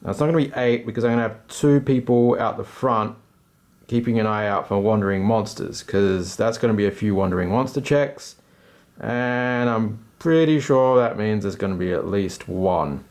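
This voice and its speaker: This solo tabletop gamer narrates his moves casually, peppering them with slangy, self-mocking remarks. His voice is on the low side and a little mellow, and he speaks at a normal speed.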